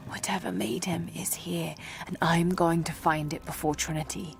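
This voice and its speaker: A whispering young adventurer. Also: female voice, fairly low pitch, steady tone, moderate pace, creaky, faint music behind. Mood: hushed, reflective. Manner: breathless inner monologue. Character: determined young woman adventurer exploring ruins. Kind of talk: whispered role-play.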